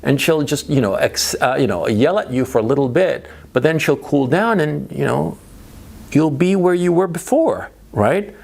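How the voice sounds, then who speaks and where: A middle-aged male dating coach whose first language is Spanish lectures in a rambling monologue, hammering points home by repetition and rhetorical questions. His voice sits somewhat high for a man, with a gravelly, creaky edge and a very animated pitch. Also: moderate pace. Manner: rhetorical questions, frequent "right?" and "okay?" tag checks; repeats himself for emphasis. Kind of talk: monologue giving dating advice.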